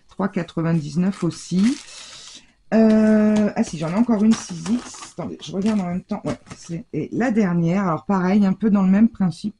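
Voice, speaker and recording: A woman's voice: on the low side, vocal fry, warm tone, husky. A woman with a French accent chatting casually in a scrapbooking haul video, hesitant and full of fillers and restarts, recorded indoors at home. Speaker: scrapbooking vlogger.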